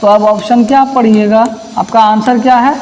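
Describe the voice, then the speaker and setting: A woman with a high, bright-pitched voice teaches through past exam questions one at a time. She keeps posing rhetorical questions and answering them herself, and she repeats each key term. The sound rings with a long, lingering reverb. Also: fairly even intonation, normal speed, a little hiss or hum. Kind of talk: recorded lesson solving past exam questions. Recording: long reverb, echoey room.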